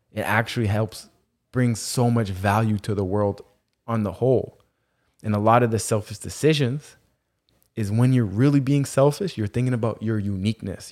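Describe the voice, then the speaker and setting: Male podcaster, slightly deep register, Rasta-flavoured phrasing, earnest motivational monologue with emphatic repetition. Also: darkish tone. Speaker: podcast host.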